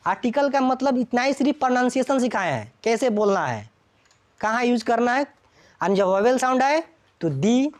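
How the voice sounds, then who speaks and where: A woman's voice: on the high side, darkish tone. A woman teaching English grammar to a classroom, constantly checking whether students follow.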